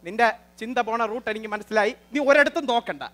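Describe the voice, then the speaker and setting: A man hosting a live comedy show, talking to the audience in a lively, bossy manner and lecturing his sidekick. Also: very high voice, fast talker. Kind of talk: live stage comedy and mimicry.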